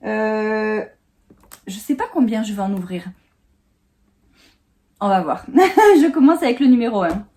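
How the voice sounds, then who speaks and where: A woman's voice: mid-range voice, lively intonation, unhurried, pauses often, mellow. A woman in her thirties chatting casually while she unboxes at home, with lots of fillers and little laughs. She is sitting on a small sofa in her home office and recorded by the camera. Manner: chatty, giggly, many fillers. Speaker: vlogger.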